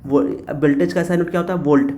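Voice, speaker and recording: Mellow-voiced man teaching physics. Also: a little high, steady tone, very fast. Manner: repetitive, coaxing, asks and answers own questions. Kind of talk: classroom-style physics lecture.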